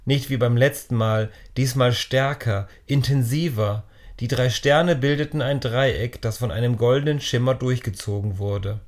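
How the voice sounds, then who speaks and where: A man narrating a children's story in a calm, measured reading voice. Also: medium pitch.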